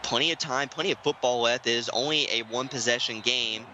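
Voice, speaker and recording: A man doing play-by-play commentary for an online football game, keeping his voice hushed and excited, climbing high and loud on big plays. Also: fast, a little hiss or hum, poor audio. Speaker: play-by-play announcer. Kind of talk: sports commentary. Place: home room, streaming.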